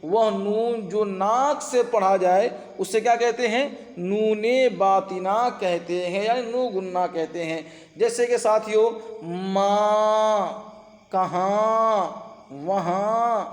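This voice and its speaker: A man teaching grammar online, drilling students with questions and answers. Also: sits high. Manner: addresses students as companions. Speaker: Urdu teacher. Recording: echoey room with long reverb.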